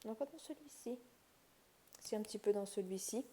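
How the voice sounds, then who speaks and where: Chatty French-speaking woman, mellow voice. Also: mid-range voice, normal speed, slight background noise. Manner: chatty, thinking aloud, lots of fillers and restarts. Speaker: craft channel host. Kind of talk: casual unboxing commentary.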